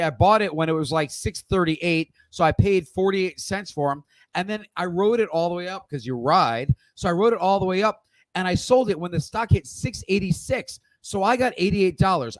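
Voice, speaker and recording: Man, high-pitched trading-stream host, blunt and profane, dry close mic. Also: dry recording, low-quality recording. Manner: blunt, swears casually, lectures the viewer directly. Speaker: stock trading livestream host. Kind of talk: live Q&A trading lesson.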